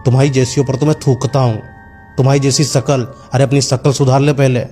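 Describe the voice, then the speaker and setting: A scheming young villain from a spoken horror tale, full of contempt and cold insults, as a male storyteller puts him on. The voice sits at an ordinary middle pitch, with faint music underneath. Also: little pitch movement, brisk, mellow, close to an everyday voice. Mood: sneering. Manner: sneering, insulting.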